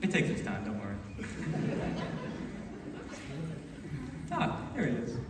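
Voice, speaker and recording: A man's voice: lowish voice, wildly swooping pitch, quick pace, heavy background noise. A man playing an eccentric, courtly chocolate factory owner on stage, with wry, teasing and dryly insulting politeness. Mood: sly, teasing. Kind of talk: stage musical theatre acting. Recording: echoey hall, distant microphone.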